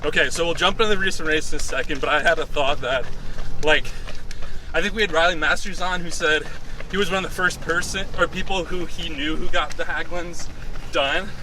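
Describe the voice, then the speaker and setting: Male interviewer, a little high-pitched, conversational, talking while running, slightly distant mic, noisy roadside. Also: fairly even intonation, fairly quick. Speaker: interviewer and show host. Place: outdoors by a road, on the move. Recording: outdoor street noise, distant mic.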